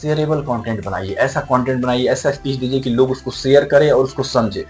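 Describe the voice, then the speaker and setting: A man's voice: mid-range voice, brisk, a little mellow. Emphatic man teaching speaking skills. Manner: emphatic, explains point by point in Hindi mixed with English. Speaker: communication skills trainer. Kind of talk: lecture-style video lesson. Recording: faint background music.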